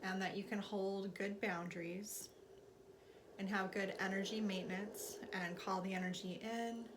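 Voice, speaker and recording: A woman teaching a spiritual class and guiding a meditation in slow, deliberate phrases with pauses. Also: medium pitch, fairly even intonation. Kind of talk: guided meditation and spiritual instruction. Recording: clearly noisy recording with background ambience.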